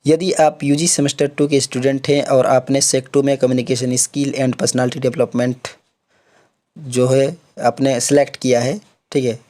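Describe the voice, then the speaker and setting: A young online tutor with a mellow, medium-pitched voice gives a casual exam-prep lecture in Hindi. He says "theek hai" constantly and sprinkles English terms into his explanations.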